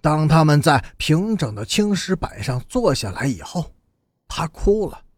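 Man, audiobook narrator, husky, very lively intonation, close dry recording. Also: on the high side, measured pace, no echo. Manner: steady storytelling with expressive rises and falls.

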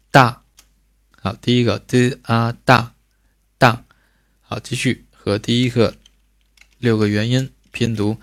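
Man drilling sounds slowly in a dry lesson. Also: mid-range voice, no room sound. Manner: slow, drawn-out sounds repeated for drilling, with frequent tag questions. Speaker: Korean language teacher. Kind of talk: recorded pronunciation lesson.

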